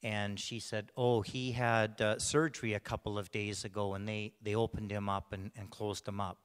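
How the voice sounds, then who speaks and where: A man with a bad cough telling a personal testimony to a church congregation, halting with many restarts and fillers. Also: fairly low pitch, flat delivery, clean tone. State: bad cough, clears throat. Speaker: church member sharing a testimony. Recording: long reverb of a large hall.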